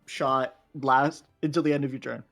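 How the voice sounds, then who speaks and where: A man's voice: medium pitch, normal speed, gravelly, soft background music. Easygoing man running a tabletop game. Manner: steady rules talk with frequent fillers. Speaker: game master.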